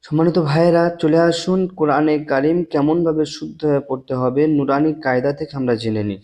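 A man teaching Quran letter pronunciation as a religious lesson, earnest, slowly repeating each letter sound for the learners to copy. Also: a little high, steady tone, darkish tone.

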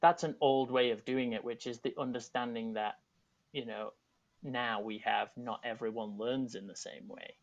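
A thirty-something man from England, working as a teaching artist and artistic director, joins a video call panel from a home room using earphones. His softened-for-Americans Yorkshire accent comes through in a medium-pitched, fairly even voice at normal speed, and he talks casually and thoughtfully with frequent restarts and asides. The recording is dull, lo-fi call audio.

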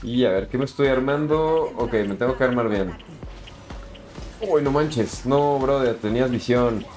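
A man's voice: medium pitch, a little slow, darkish tone, faint music behind. A young man with a Mexican accent, casually commenting on his game live and answering chat in slangy, chatty talk. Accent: Mexican Spanish. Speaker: streamer.

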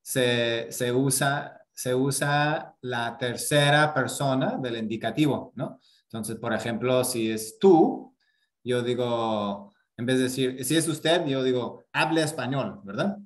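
A man's voice: medium pitch, slow pace. A man teaching a casual grammar lesson, explaining patiently with many fillers and checking in with tag questions. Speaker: Spanish teacher.

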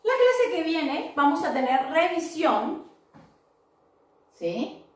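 A woman teacher, giving an online English class to children, upbeat and slowly modelling words for them to repeat. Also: sits high, sing-song. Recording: echoey room, voice far from mic.

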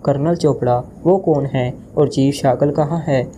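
A man's voice: mid-range voice, steady tone, measured pace, dark tone, a little hiss or hum, close to an everyday voice. A man voicing an agitated, anxious male head of state who barks orders, in an audio novel reading.

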